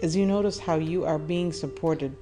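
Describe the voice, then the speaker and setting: A woman with a low voice leads a guided meditation over music. Her calm instructions come in a soothing, measured way, with deliberate pauses.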